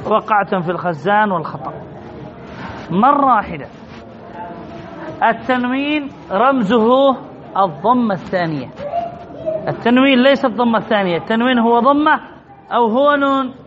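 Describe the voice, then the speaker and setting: A man's voice: high voice, a little fast, pauses often, lo-fi sound, background noise. A man teaching an Arabic grammar lesson, stressing and repeating key points and quizzing his students as he goes. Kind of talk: classroom lesson.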